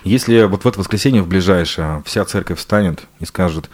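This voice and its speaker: A man's voice: low-pitched, fairly quick, darkish tone. A man hosting a radio studio interview, asking playful, teasing questions. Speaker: radio host.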